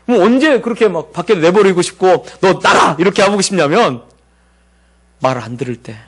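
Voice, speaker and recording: A man preaching a sermon in a fairly high voice, talking to his congregation in a chatty, conversational way. He tells homey family stories and drops into a softer, lower voice when he acts out the dialogue. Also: lively intonation, a little fast, husky. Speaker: pastor.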